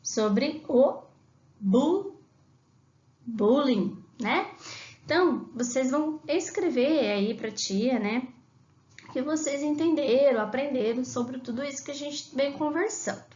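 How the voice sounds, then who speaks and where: A high-voiced woman teacher with a Brazilian Portuguese accent speaks slowly and patiently to small children, sounding out each syllable. The recording is dull and lo-fi, in a room with a lot of echo. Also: expressive, darkish tone. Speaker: primary school teacher. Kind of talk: remote class explanation to young children.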